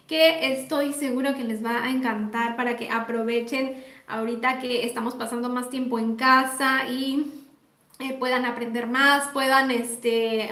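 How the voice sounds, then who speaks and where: A woman's voice: high-pitched, sharp tone, echoey room. A Mexican woman teaching nail techniques on a live stream, chatty and affectionate, greeting viewers by name. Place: indoor home workspace.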